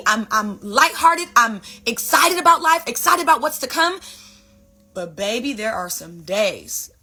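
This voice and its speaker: Her voice sits high, bright and pushed, with a slight roughness. This vlog host and wellness speaker chats expressively to camera in a casual motivational style, repeating phrases for emphasis and addressing viewers as "you guys" and "baby."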